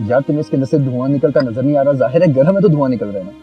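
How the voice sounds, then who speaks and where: An actor playing a sleepy, dry-humored young husband in a TV drama, answering with sarcasm. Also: male voice, medium pitch, very fast, dull audio, soft background music, close to an everyday voice. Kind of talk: TV drama acting.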